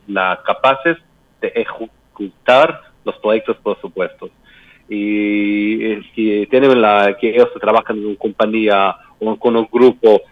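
A man gives interview answers at a very slow pace, hunting for each word as a non-native speaker with a foreign accent. His voice is on the low side, and the sound is dry and band-limited, like radio. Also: dry recording, highs cut off. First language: not a native Spanish speaker. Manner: halting, searching for words. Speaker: embassy political adviser being interviewed.

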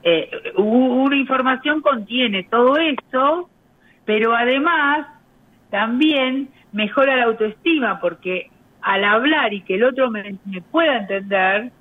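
A woman's voice: on the high side, unhurried. Woman explaining over a phone line. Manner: explanatory, with many hesitant fillers. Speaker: communication specialist guest. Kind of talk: radio interview on the phone.

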